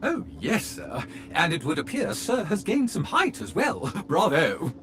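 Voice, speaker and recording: A man's voice: sits high, huge pitch swings, measured pace, exaggerated voice. An actor voicing a fawning, overly polite male butler robot in a video game, prim and courteous, always addressing his master as sir. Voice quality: prim and exaggeratedly courteous, calls everyone sir. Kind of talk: studio video game voice acting. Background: game music.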